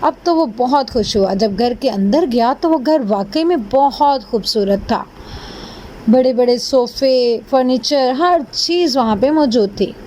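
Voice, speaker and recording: A woman storyteller narrating a children's fairy tale with gentle, expressive delivery. Her voice sits high, with faint noise underneath.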